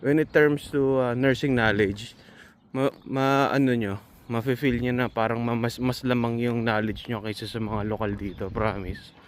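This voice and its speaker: A man's voice: mid-range voice, steady tone, normal speed. Earnest Filipino man with faint traffic. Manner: earnest, reassuring, hesitant fillers. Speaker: vlogger giving advice to fellow nurses. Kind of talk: casual advice vlog.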